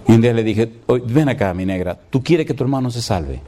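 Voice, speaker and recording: A middle-aged male pastor preaches an emphatic sermon in a medium-pitched, warm, animated voice that runs a little fast. He poses rhetorical questions to the congregation and acts out the dialogue of his story.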